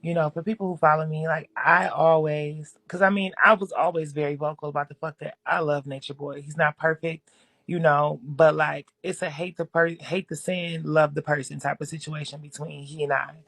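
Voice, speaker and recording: Gravelly husky woman in dry livestream chat. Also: sits low, fairly even intonation, normal speed, fairly bright tone, no room sound. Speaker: livestream co-host. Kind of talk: casual chat.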